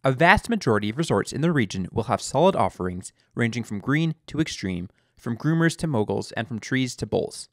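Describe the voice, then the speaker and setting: A man's voice: mid-range voice, sing-song, fairly quick, hardly any pauses, no echo, studio quality. A Canadian man giving a scripted voice-over review of ski regions. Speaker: guest co-presenter.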